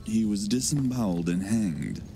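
An actor voicing a sombre adventurer in a video game, reading slowly and solemnly. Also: male voice, on the low side, expressive, creaky, mellow. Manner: slow, solemn. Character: sombre male adventurer reading out a tomb inscription. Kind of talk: video game character dialogue. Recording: music behind the voice.

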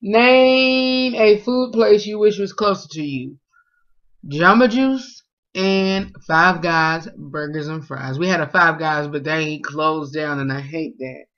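Sitting in a small room at home, a young man vlogs casually about food, reading out tag questions and answering with lots of filler words. His voice is a little high, slow and a bit bright, captured on a nearby webcam with dull lo-fi sound.

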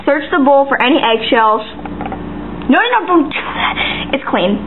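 A woman runs a homemade cooking demonstration in a high voice that swings up and down. She bosses and scolds her helper between steps. The sound is thin and phone-like, with a clear hiss underneath. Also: animated, normal speed. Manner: bossy, instructing and scolding a helper. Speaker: cooking show presenter. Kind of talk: homemade cooking demo chat. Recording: tinny lo-fi home camera with clear noise.

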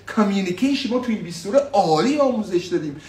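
Animated teacher. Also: male voice, sits high, echoey room, distant mic. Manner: switches between Persian explanation and slow drilled English phrases; animated, repeats phrases for learners. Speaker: English teacher. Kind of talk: live online English lesson.

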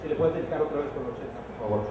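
A man's voice: fairly high pitch, racing, narrow, tinny audio. Middle-aged man demoing in an echoey expo hall. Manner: explanatory, asks the crowd frequent checking questions. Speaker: product demonstrator. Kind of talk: live sales demonstration. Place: large roofed expo hall. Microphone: handheld microphone. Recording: echoey hall, distant camera, crowd noise.

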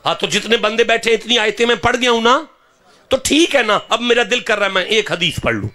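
Fervent, high-pitched Pakistani preacher. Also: male voice, animated, fairly quick. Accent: Pakistani Punjabi. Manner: questions the audience and builds to fervent shouting. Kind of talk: impassioned religious sermon. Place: live religious gathering.

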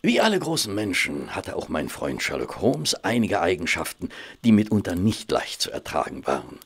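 An actor playing a courteous, kindly gentleman doctor in a German radio play, speaking in a measured, considerate way. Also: deep voice, wildly swooping pitch, slightly rough, heavily acted. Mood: reflective narrating.

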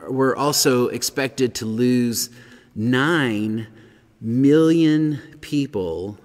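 A middle-aged man preaching a sermon as pastor, earnest and growing animated as he reads, in a large empty church sanctuary. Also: medium pitch, big-room sound.

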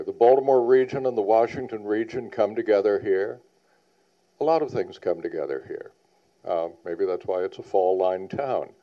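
A man on a planning panel giving a public presentation, earnest and emphatic, repeating key points. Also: on the low side. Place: public meeting hall. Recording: dull lo-fi sound.

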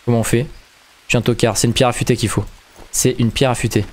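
A young man hosting a video game playthrough in casual commentary, excitable and stumbling over his words. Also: medium pitch, quick pace. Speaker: gaming video host. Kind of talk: casual let's-play commentary.

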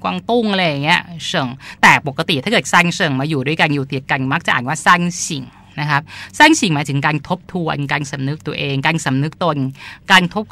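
A podcast host and translator with a slightly high, sharp voice chats casually, explaining terms and often repeating them with polite particles.

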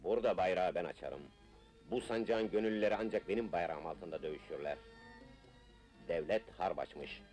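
A man's voice: low voice, moderate pace, a little mellow, close to an everyday voice. An actor playing an ardent, resolute Ottoman officer in an old film melodrama, speaking in solemn, poetic declamation. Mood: fervent, patriotic. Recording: old film soundtrack with music. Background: film music.

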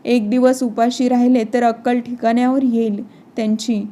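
A man's voice: very high-pitched, flat delivery, normal speed, mellow. A woman reading a stern, wounded old father. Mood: angry. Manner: scolding, indignant.

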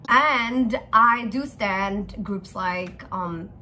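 A woman's voice: fairly high pitch, expressive, normal speed, pushed and bright, slight background noise. A young woman chatting casually in a home vlog, playful and self-mocking, laughing and leaning on "like" fillers. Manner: chatty and giggly, lots of "like" fillers. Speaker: vlogger. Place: at home indoors.

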